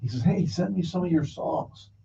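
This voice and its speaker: A man hosting a broadcast chats casually, rambling through folksy anecdotes and acting out what people said. His high-pitched voice is mellow with vocal fry at a moderate pace, and the dull recording has a distant mic and faint noise.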